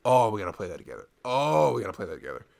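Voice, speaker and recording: In an ASMR roleplay as a boyfriend, a performer with a lowish, creaky, slightly mellow voice talks in rapid-fire bursts with big pitch swings, no echo present. His intimate, informal chat turns into rambling rants broken by chuckles and sighs.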